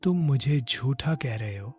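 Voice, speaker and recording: A man playing a defensive, guilt-ridden village headman in a horror story, with a husky, dark voice. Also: medium pitch, expressive, a little slow, lightly acted. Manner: defensive, confessional. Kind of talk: scripted horror story acting. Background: prominent music.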